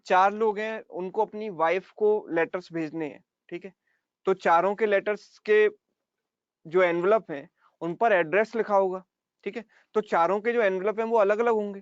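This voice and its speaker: एक पुरुष गणित शिक्षक ऑनलाइन क्लास में कदम-दर-कदम समझाता है, बातें दोहराता है और बार-बार "ठीक है" कहकर जाँचता है।. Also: male voice, high voice, no echo, muffled recording. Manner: explains step by step, repeating key points and checking with "ठीक है". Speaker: math teacher. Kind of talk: online class lecture.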